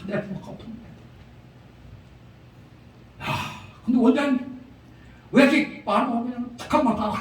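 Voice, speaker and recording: A man's voice: very high voice, noisy background. A man preaching a revival sermon as a pastor, telling humorous stories with chuckles and emphatic repetition. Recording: echoey prayer-house hall from far off.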